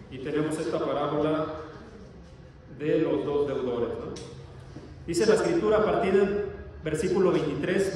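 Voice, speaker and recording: Man preaching in church, high voice, lots of echo, mic kinda far, faint background noise. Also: a little mellow. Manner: asks the congregation questions and explains verses. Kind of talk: sermon. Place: church hall. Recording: echoey church hall, distant mic.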